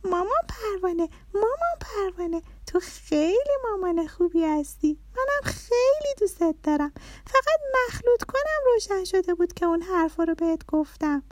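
A woman voicing a cheerful, eager little girl in a children's story, with a high, excited childlike voice. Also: dry recording, clean studio sound.

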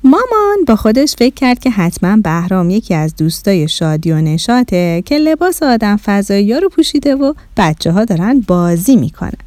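A woman narrating a children's story in a lively, expressive way. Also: medium pitch, few pauses, no room sound, studio quality.

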